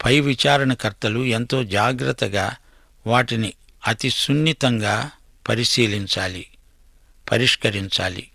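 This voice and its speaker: A man's voice: mid-range voice, measured pace, creaky, long pauses, sharp tone, dry recording, studio quality. A man preaching a sermon, reading out Bible verses and then putting pointed questions straight to his listeners.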